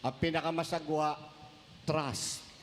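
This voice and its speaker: A man's voice: fairly high pitch, steady tone, takes it slowly, big-room sound, background noise. A man preaching a humorous sermon as a priest, telling jokes and mixing Tagalog with English phrases. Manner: jokey storytelling, mixes Tagalog and English.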